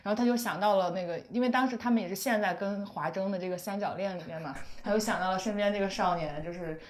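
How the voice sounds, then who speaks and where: A woman's voice: medium pitch, fast. A woman in a casual chat, thoughtfully recalling and reflecting on details.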